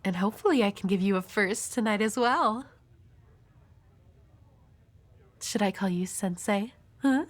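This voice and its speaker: A woman's voice: mid-range voice, moderate pace, lightly acted. Himeno, a woman playing a flirty, world-weary devil hunter. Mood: flirty, teasing. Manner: teasing, coy, breathy at times. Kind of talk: intimate audio roleplay addressed to the listener.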